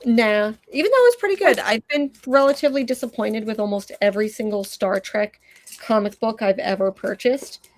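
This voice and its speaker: A woman's voice: on the high side, fairly quick, dry recording. A woman co-hosting a casual comics talk show, nerdy and blunt, swearing casually. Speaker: comic podcast co-host. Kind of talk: casual chat.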